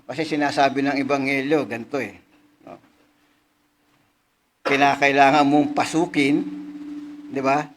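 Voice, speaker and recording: A man preaching a sermon, casually checking in with listeners and reading scripture slowly with emphasis. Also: mid-range voice, flat delivery, slight background noise. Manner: conversational teaching, frequent "no?" and "di ba?" checks. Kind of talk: Bible study sermon.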